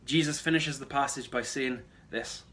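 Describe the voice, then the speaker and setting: A pastor in his thirties delivers a short sermon to camera from a small room at home, his mid-range voice bright and forceful at a normal speed. He is earnest and emphatic, repeating key phrases.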